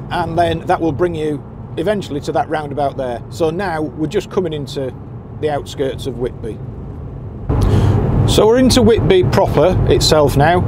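Guy narrating his drive into town, kinda high voice, friendly and practical, road noise loud under it. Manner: chatty, practical, gives directions. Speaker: boat skipper's guide to anglers. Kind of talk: casual driving commentary. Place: in a moving car. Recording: car and road noise behind.

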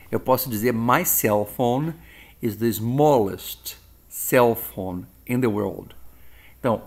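A man from Brazil teaching an English grammar lesson, lively and explanatory, slowing down to model example phrases. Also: medium pitch, creaky.

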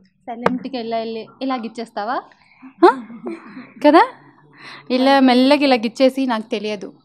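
A high-pitched young woman works as an anchor, chatting with children in a light, teasing way. She talks a lot and keeps asking them questions. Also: steady tone, normal speed, darkish tone. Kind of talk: playful interview with children.

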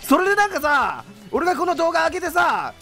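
A young man rants through a game in let's play commentary, rough-spoken and exasperated, breaking into laughs. His voice sits very high and swings widely, with a bright edge. Game music plays faintly underneath. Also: very animated, a little fast. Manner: rough-talking, exasperated ranting with frequent laughter.

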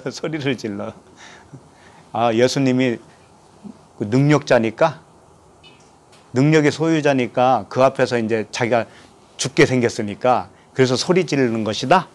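A man's voice: medium pitch, measured pace, pauses often. A man from Korea, a pastor, preaching a sermon, reading scripture aloud and asking his listeners questions. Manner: asks the congregation questions and reads scripture aloud.

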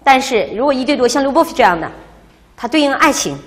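Woman language teacher, lively classroom lecture, fairly high voice, long room reverb. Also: quick pace. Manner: lively, explanatory, quizzes students.

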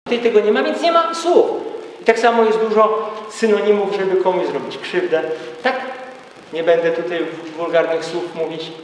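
A man's voice: sits high, level tone, moderate pace, slight background noise. A man lecturing to a live audience in an emphatic way, throwing out rhetorical questions. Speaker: speaker at a gathering. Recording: echoey hall from far off.

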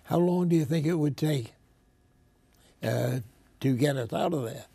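An older man hosting a TV interview, hoarse today, asking measured, unhurried questions. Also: a little high, dark tone, no echo. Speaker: host.

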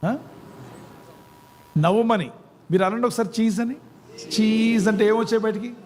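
A man's voice: sits high, unhurried, a little mellow, a little hiss or hum. A man preaching a sermon to a congregation, asking questions and urging them to answer aloud. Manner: call-and-response, quizzing the congregation. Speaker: pastor. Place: church service before a congregation.

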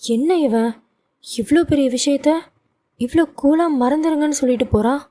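A woman's voice: mid-range voice, moderate pace, warm tone, close to an everyday voice. A woman voicing a worried middle-aged mother who fusses and scolds her grown son. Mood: baffled. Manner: scolding, emotional.

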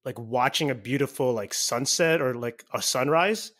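A man's voice: mid-range voice, normal speed, a bit bright. A man in his thirties hosts a podcast in an easy, upbeat way. He fills his sentences with "like" while speaking into a headset mic at home. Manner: upbeat, heavy use of "like". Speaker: podcast host. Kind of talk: casual podcast interview. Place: home room.

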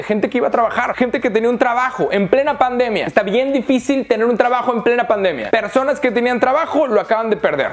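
A young man from Monterrey with a northern Mexican accent, giving a blunt, profane opinion rant straight to camera. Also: sits high. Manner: blunt, profane and heated, mocking voices. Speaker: vlogger.

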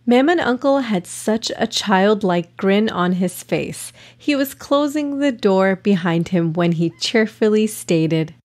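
A woman narrating a children's story in an expressive read-aloud style as podcast host. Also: mid-range voice, slow pace, few pauses.

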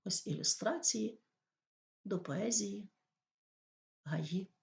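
A woman with a gravelly, mid-range voice talks very slowly as she teaches a poetry lesson at school. The literature teacher reads lines of verse aloud and gives patient explanations.

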